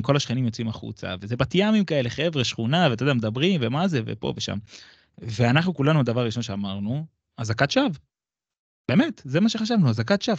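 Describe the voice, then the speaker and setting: A man in his thirties co-hosting a podcast, telling a personal story in lively bursts that jump up and down in pitch. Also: husky, no room sound. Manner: animated storyteller with wide pitch swings. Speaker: podcast co-host. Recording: dry, slightly dull sound.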